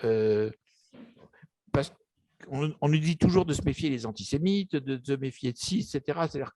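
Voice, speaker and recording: An older Egyptian author, interviewed about his book, shares personal memories in a casual conversation, hesitating with many restarts and fillers. His mellow voice is medium in pitch, animated, and at normal speed. There's no echo.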